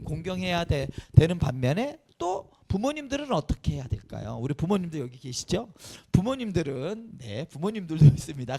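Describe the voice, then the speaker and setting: A male pastor gives a children's sermon in an animated way, putting questions straight to the kids. His voice sits high for a man and swings widely in pitch. A gravelly edge runs under his words. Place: church sanctuary.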